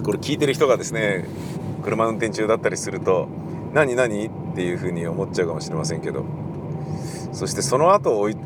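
A middle-aged man talks on his own from his car, a radio host chatting loosely and politely. His voice sits fairly low yet moves a lot in pitch, and he strings thoughts together with plenty of fillers. Clear traffic and engine noise runs under him. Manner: rambling, many fillers, polite explanatory tone. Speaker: radio host and theatre director. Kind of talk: casual solo talk recorded while driving. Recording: car and street noise behind.

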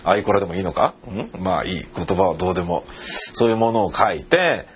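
A man's voice: low voice, a little fast, a little hiss or hum. A middle-aged man, a radio personality, telling a travel story in a casual monologue and acting out the voices he quotes. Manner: animated storyteller who acts out quoted voices.

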